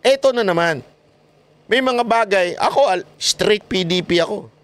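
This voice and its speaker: A man giving casual political commentary as a vlogger, animated and mocking, laughing often between points. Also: high voice, normal speed.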